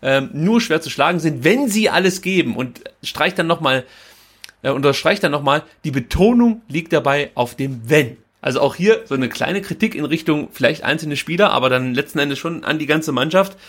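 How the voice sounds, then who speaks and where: Male podcast co-host, slightly high voice, reads quotes and then picks them apart casually. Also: lively intonation, moderate pace, fairly bright tone. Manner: reads quotes aloud, then comments with hesitations. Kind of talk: casual football podcast discussion.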